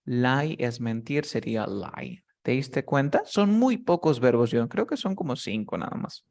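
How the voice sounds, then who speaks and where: A young man with a mid-pitched voice teaches a one-on-one grammar lesson. He lays out each rule step by step, patient and steady. He keeps pausing to ask whether his student has understood. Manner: patient, explains step by step, often checks understanding. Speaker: English teacher.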